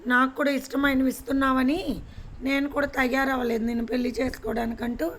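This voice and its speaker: A woman's voice: sits high, level tone, fast, fairly bright tone, slight background noise. A woman voicing a sarcastic, mocking older woman in a storybook reading.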